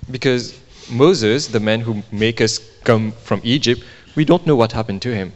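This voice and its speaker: A man gives a line-by-line English interpretation of a sermon at a middle pitch. He mirrors the preacher's rises and emphasis and makes small slips in his grammar. His voice carries a long, roomy church-hall reverb. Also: measured pace.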